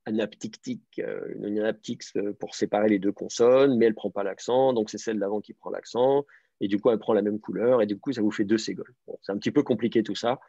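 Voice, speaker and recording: A man teaching, his voice low and husky, stopping often to hesitate and repeat himself as he explains step by step. The recording is close and dry, with slightly dull, lo-fi sound. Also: fairly even intonation, quick pace, mellow, dry recording. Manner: hesitant, many fillers and repeated words, patient explaining. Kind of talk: explanatory online class lecture.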